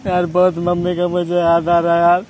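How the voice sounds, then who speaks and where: A man's voice: sits high, completely flat delivery, normal speed, muffled recording. A man pulling a street prank, talking in a whiny, pleading way as if about to cry. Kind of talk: street prank, acting sad. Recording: loud street noise outdoors.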